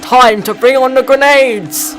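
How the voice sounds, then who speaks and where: A man voicing a blustering male army lieutenant who shouts orders in a comic story. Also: very high-pitched, fairly even intonation, a little slow. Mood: defiant.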